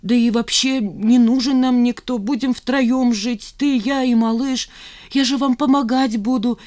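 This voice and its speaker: A high, wavering voice of a tearful older mother, put on by a woman reading a novel aloud. She frets, pleads and sobs through her words, fussing over her grown daughter in a raised, anxious tone. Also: steady tone, measured pace, a little mellow, natural voice. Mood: pleading. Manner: pleading, sobbing, fussy.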